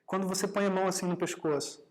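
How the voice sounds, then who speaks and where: A man's voice: high voice, fairly even intonation, fast talker, poor audio. Man teaching a meditation workshop. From Brazil. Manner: conversational, often adds tag questions to the audience; acts out quoted dialogue in his own talk. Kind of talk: live workshop lecture.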